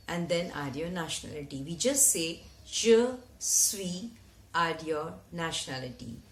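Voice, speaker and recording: A woman gives a beginner's French lesson at an unhurried, careful pace, with a voice that sits a little low. She breaks each phrase into pieces and repeats it. The sound bounces around an echoey room. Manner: spells out phrases slowly, repeating each one. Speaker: French teacher. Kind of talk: slow, deliberate language lesson.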